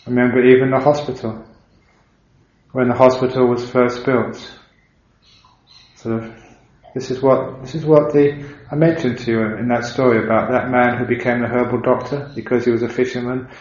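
An English Buddhist monk gives a dharma talk, telling stories in an unhurried, reflective way with gentle humor. His voice is medium-pitched and flat, and the recording sounds dull and roomy.

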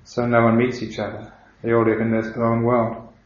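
Monk's unhurried dharma talk, roomy sound. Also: male voice, mid-range voice, completely flat delivery. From England. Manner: unhurried storytelling, reflective with gentle humor. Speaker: Buddhist monk. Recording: dull, roomy recording.

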